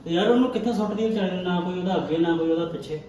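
A man playing a patient, kindly husband and elder brother in a family drama, speaking in a calm, reassuring way. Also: high-pitched, racing, distant mic, a little hiss or hum, close to an everyday voice. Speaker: actor in a family web drama. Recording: echoey room, faint music.

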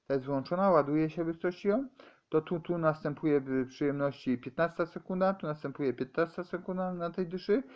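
A man giving a rambling, halting explanation, stumbling over words and restarting often. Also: on the high side, muffled recording.

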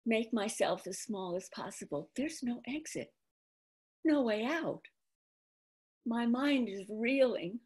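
In front of a folding screen at home, an actress from New York, around seventy, performs her autobiographical piece with dramatic, deliberate expression. Her voice sits a little high and sounds husky, coming through a computer video call mic.

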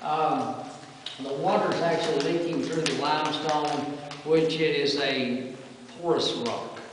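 A man's voice: a little high, fairly even intonation, unhurried. A man working as a cave tour guide, chatting informally and folksily to his group and often checking in with them. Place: inside a large cave chamber. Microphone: distant handheld camera in the tour group. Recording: echoing cave, distant mic, noisy.

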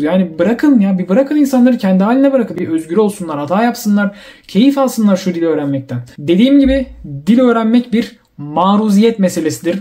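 A man's voice: high voice, warm tone. A young man giving casual advice to viewers, talking animatedly and acting out the voices of people he quotes. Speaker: YouTuber giving language-learning advice.

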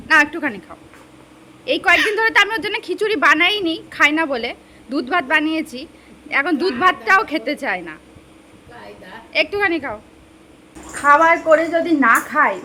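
A woman's voice: high voice, bright, forceful tone, a little hiss or hum. A woman chatting in a home vlog while coaxing and teasing her toddler. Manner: chatty, scolding fondly, coaxing a baby. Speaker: mother and vlogger.

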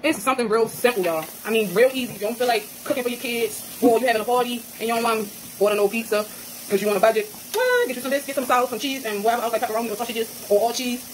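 This young woman talks very fast in a fairly high voice, chatting casually to viewers she calls y'all as she cooks at home. The audio comes from a phone camera propped on the counter and is noisy, full of kitchen clatter.

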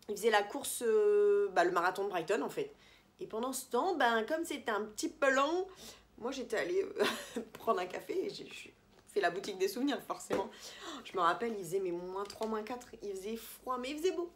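Chatty woman rambling through a beauty vlog. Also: a little high. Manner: chatty, rambling, many fillers and self-corrections. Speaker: beauty vlogger. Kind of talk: casual product review vlog. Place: holiday apartment indoors.

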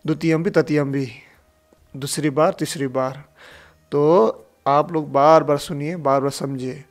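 Slow, deliberate male Dhamma teacher. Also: fairly high pitch, fairly even intonation. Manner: slow, deliberate, chants and repeats syllables to model them. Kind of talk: pronunciation lesson.

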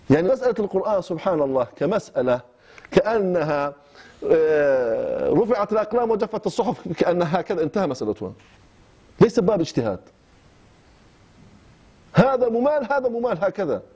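A man's voice: sits high, big pitch swings, fast talker, pauses often, warm tone. A man from Iraq with an Iraqi Arabic accent, teaching recitation rules in short phrases with frequent hesitations and restarts. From Kirkuk, Iraq. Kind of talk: explaining recitation rules in class. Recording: dull lo-fi class recording.

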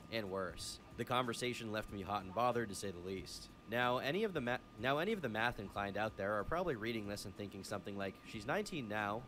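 Dude reading a blog post real quick, lowish voice, noisy traffic behind. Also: male voice.

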